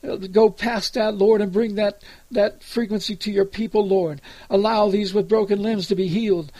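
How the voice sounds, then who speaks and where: An American preacher leads an improvised spoken prayer, earnestly pleading and addressing God again and again. His voice sits high yet dark in tone, steady and at normal speed, recorded dry.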